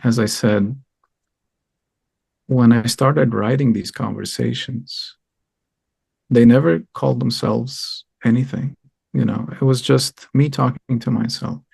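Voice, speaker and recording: A low, gravelly man from Israel speaks as an interview guest, earnest and reflective, with a husky edge and many pauses. The sound is close and dry. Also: a little mellow, no room sound. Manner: earnest, thoughtful, halting with many ums.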